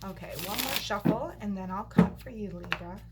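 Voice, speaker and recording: A woman giving a monthly tarot reading to camera, her voice a little creaky and tired after a long day, reassuring listeners as she goes. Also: medium pitch, moderate pace, heavy background noise. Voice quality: slightly creaky. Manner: reassuring, checks in with "okay?". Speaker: tarot reader.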